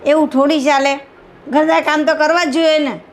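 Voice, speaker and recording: A woman's voice: high-pitched, steady tone, moderate pace, close to an everyday voice. An actress playing a mild, weary mother-in-law who placates and defends herself, with a Gujarati accent. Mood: placating.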